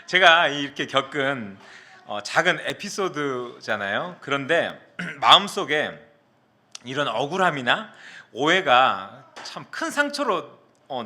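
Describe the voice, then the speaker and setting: Animated, bright-voiced male pastor. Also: fairly high pitch. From South Korea, Mokpo area. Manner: animated storyteller who acts out quotes. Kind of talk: sermon with personal storytelling.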